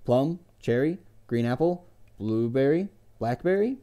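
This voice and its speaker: Voicing a wary middle-aged innkeeper during a reading, a man uses a mid-range, dark-toned voice that's expressive and unhurried. The innkeeper comes across as sardonic, with dry and cutting sarcasm.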